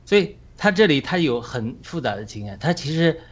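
A man leading a group discussion, talking in a measured way and often checking for agreement with tag questions. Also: fairly high pitch, big pitch swings. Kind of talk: casual spoken sharing.

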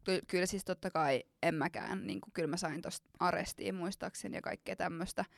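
A young woman chats casually, spinning a funny story with filler words and bursts of laughter. Her voice carries a gravelly fry, recorded close and dry. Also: lowish voice, no room sound. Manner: laughs while telling embarrassing stories, many fillers.

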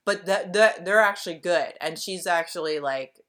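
A woman with a softened Delaware County accent chatting casually, rambling with many fillers. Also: lowish voice, normal speed. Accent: Delaware County, Pennsylvania, softened. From Delaware County, Pennsylvania. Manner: rambling, full of "like" and "um". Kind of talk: casual chat.

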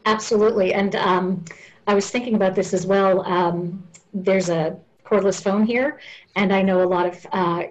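A woman talks earnestly in an interview, explaining patiently and step by step. Her voice sits at an ordinary middle pitch. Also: steady tone, normal speed, rough recording.

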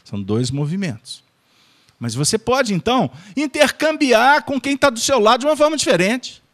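A man's voice: extremely high pitch, sing-song, normal speed, fairly bright tone. A man with a Brazilian accent presenting a spiritist study group, giving an informal lecture in a joking manner and checking in with his audience. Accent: Brazilian Portuguese.

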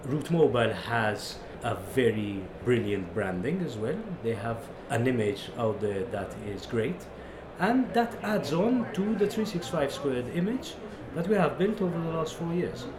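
A man with a Maltese accent gives explanatory interview answers as a company chief. His voice sits at a middling pitch. The recording is echoey, with clear noise around him. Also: sing-song, a little slow. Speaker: company CEO and co-founder, interview guest. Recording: roomy, echoing, noisy venue.

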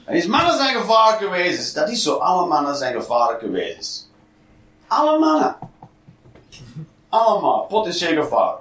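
A man's voice: high voice, wildly swooping pitch, moderate pace, pauses often, fairly bright tone, a little hiss or hum. A man doing a blunt, profane stand-up comedy routine, in an echoey, distant live recording.

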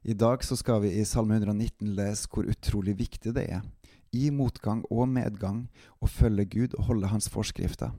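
A man reads scripture aloud in a calm, steady way as the host of a devotional. His voice sits a little low and sounds very warm and dark. The recording is dry and close, with no room sound. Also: dry recording. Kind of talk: Bible reading and devotional.

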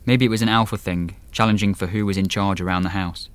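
Man as wry, fairly low-voiced young narrator. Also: steady tone, quick pace, smooth, lightly acted. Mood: wry, reflective. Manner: conversational, dry, wry asides. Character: Rob, wry sardonic twenty-nine-year-old man telling his story. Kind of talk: first-person scripted horror narration.

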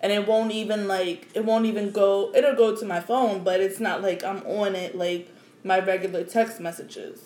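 Relaxed rambling woman in echoey room. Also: medium pitch, normal speed. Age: 30s. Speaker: guest. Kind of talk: casual chat.

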